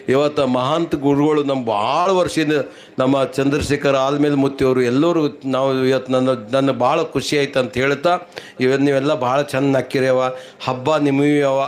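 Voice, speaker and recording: A man with a North Karnataka Kannada accent doing rhyming folk stand-up comedy, telling stories and teasing his audience at a religious gathering. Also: medium pitch. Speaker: comedian and mimicry artist.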